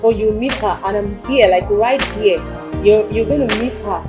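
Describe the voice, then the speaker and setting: Actress doing protective nigerian woman in a movie, medium pitch, asks questions, soft music under it. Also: moderate pace, natural voice. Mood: affectionate. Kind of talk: film drama acting.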